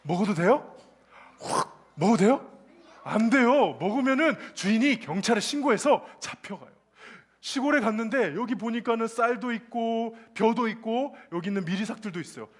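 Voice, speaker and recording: A man preaching a lively children's sermon, asking the kids questions and acting out the people in the story. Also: high-pitched, moderate pace. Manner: lively, asks children questions, acts out quotes. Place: church children's service.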